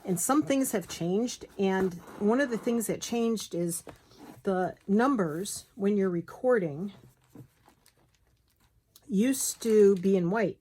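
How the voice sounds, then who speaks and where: Slow-talking woman explaining her craft. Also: mid-range voice, warm tone. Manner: chatty, talks to herself while working, apologetic asides. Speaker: crafter demonstrating bookbinding. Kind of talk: casual hands-on tutorial. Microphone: phone camera close by.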